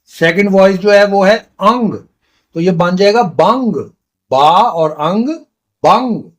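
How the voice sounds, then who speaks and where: A man's voice: high-pitched, slow. A man teaching a beginner language lesson, patiently repeating each sound step by step. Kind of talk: slow explanatory lesson.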